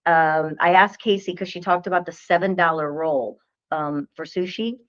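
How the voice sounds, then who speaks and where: A woman's voice: fairly low pitch, normal speed. Chatty woman co-hosting on dull audio. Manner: chatty, animated storyteller who laughs often. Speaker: co-host. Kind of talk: casual chat.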